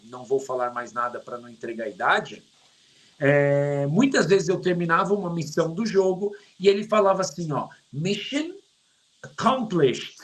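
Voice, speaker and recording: A middle-aged Brazilian man teaches English online in a lively, joking way, drawing out English words slowly to show pronunciation. His voice is a little high with a Brazilian Portuguese accent, and the recording is rough.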